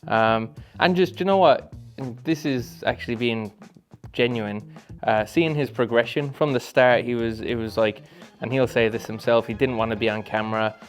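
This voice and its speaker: Chatty joking man, soft music behind. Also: medium pitch, normal speed, few pauses. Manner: chatty, joking, laughs easily. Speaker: videographer answering questions. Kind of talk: casual on-camera Q and A.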